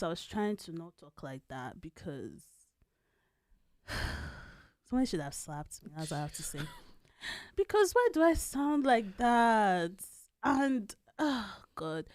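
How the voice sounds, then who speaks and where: A woman in her twenties co-hosts a podcast in casual conversation, with a medium-pitched voice recorded at studio quality with no room sound. She's chatty and laughs often, sometimes slipping into a girlish baby voice. She tends to trail off and then restart.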